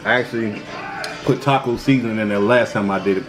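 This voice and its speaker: A man's voice: on the low side, quick pace, over music. A man hosting an eating show, chatting casually with viewers as he chews and savors his food between words. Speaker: mukbang host.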